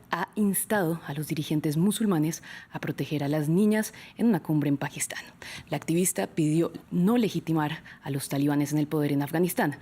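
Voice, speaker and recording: A woman presenting a news program, interviewing a guest and reading the stories in a steady, measured way. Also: low-pitched, slightly rough.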